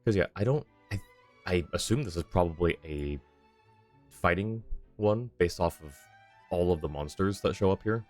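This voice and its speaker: Soft music plays behind this livestreaming gamer, whose low voice sounds a little mellow and moves at a normal speed. He casually chats with viewers in a friendly, apologetic manner and reads the chat and game lines aloud.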